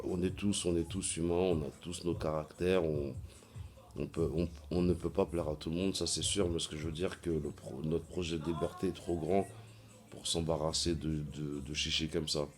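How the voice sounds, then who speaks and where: Very deep-voiced halting male vlogger. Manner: halting, many fillers and repeated words. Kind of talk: casual monologue.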